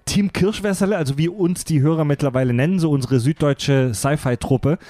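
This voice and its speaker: A man's voice: a little high, brisk, mellow, no echo. Playful male podcast host, dryly recorded. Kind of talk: hosting a panel discussion podcast.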